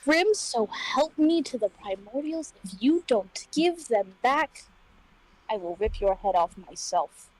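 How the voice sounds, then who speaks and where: A woman's voice: on the high side, lively intonation, unhurried, poor audio. A woman playing a blunt, defiant female cleric in a tabletop game, speaking in her own voice. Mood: furious.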